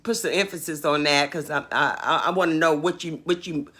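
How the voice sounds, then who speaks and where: Female livestream host, forceful bright voice, repeats herself for emphasis. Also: low-pitched, steady tone, fairly quick, slightly rough. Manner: emphatic, repeats her points, asks questions. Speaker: livestream host reading viewer comments. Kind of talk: casual opinion livestream.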